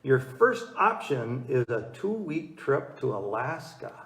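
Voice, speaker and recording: A man's voice: medium pitch, big pitch swings, slow, fairly bright tone, heavily acted. Easygoing talk-show host, echoey played by a man. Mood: agreeable. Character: easygoing small-town Wisconsin talk-show host Bob. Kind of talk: amateur church comedy talk-show skit. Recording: echoey room, distant mic, noise.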